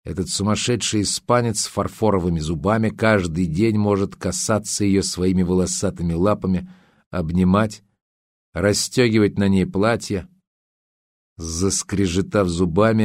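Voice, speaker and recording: A man with a low, slightly mellow voice narrates an audiobook in a dramatic, scripted reading, acting out the dialogue. The studio sound is clean, with no echo.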